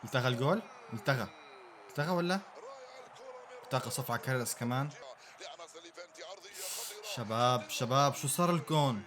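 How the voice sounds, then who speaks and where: A young man giving a live reaction to a football match, excitable and bursting into shouts and laughter at big plays. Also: medium pitch, normal speed, long pauses, crowd noise.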